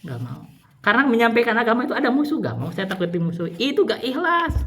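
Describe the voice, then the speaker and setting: A man from West Java with a Sundanese accent, teaching religion in a casual, rambling way, jumping from high exclaims to low mutters. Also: huge pitch swings, fast, a bit bright. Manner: rambling, repetitive, pitch swings between high outbursts and low mutters. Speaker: Islamic teacher.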